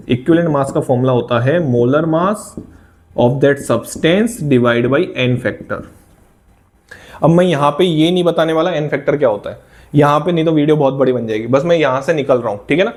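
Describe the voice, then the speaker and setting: Man teaching, slightly high voice. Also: darkish tone. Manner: coaxing, asks and answers his own questions. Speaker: chemistry teacher. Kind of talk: classroom lecture.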